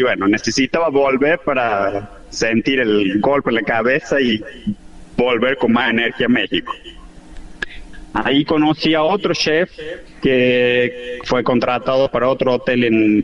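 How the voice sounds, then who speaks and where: A man in his late thirties, an Argentine chef with a Córdoba accent mixed with Mexican, telling his story in a relaxed interview. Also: medium pitch, muffled recording. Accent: Córdoba Argentine Spanish, mixed with Mexican. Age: late 30s. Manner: relaxed storytelling, frequent restarts. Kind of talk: casual interview chat.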